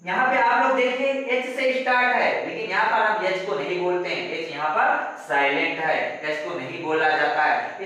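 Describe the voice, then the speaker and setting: A man with a high, pushed, bright voice teaches a classroom-style grammar lesson step by step, spelling words letter by letter and asking rhetorical questions. He sounds distant in a very echoey room.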